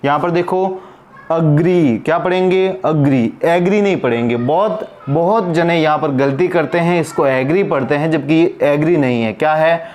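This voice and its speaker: A man's voice: a little high, moderate pace, darkish tone, a little hiss or hum. A man teaching an English pronunciation lesson, asking questions and answering them himself as he repeats each word.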